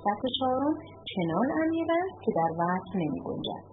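A woman voicing a calm, wise male dervish who speaks in a measured way, on a narrow phone-like recording with music behind. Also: fairly high pitch.

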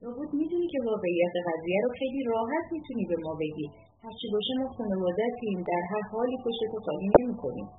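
A woman's voice: fairly high pitch, lively intonation, noisy background, pitched above the performer's own voice, natural voice. A careful, probing middle-aged mother, as a woman narrator puts her on. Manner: measured, choosing words carefully. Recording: tinny lo-fi audiobook with music.

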